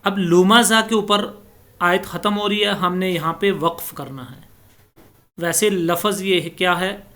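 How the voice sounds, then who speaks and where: A man teaching Quran recitation, explaining pronunciation rules and chanting each verse slowly. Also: high voice, pushed and bright. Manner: slow explanatory teaching, recites verses in drawn-out melodic style.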